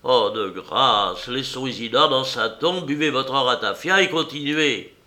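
A man voicing an impatient, hot-tempered young painter who talks loudly and presses for answers. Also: medium pitch, a little slow, voice pushed up. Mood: exasperated. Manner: exasperated, loud, pressing.

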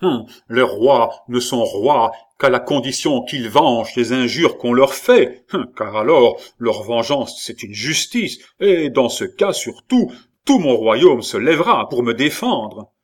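A man voicing an agitated, vengeful young king who speaks loudly and insistently, sometimes pleading, in a dramatized audiobook reading. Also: mid-range voice, expressive, slow pace. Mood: furious.

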